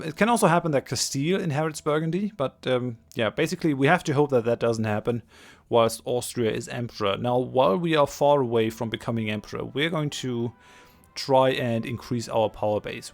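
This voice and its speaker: A man's voice: medium pitch, vocal fry. A man with a congested, stuffy-nosed voice from a cold, giving let's play commentary as host, hesitant and repeating phrases for emphasis. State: has a cold. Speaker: gaming channel host.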